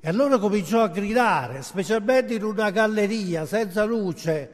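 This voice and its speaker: A man preaching a sermon and telling a slow, dramatic story in a church, his voice rising into loud cries. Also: sits high, lively intonation. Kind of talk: sermon with a told anecdote. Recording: long hall reverb.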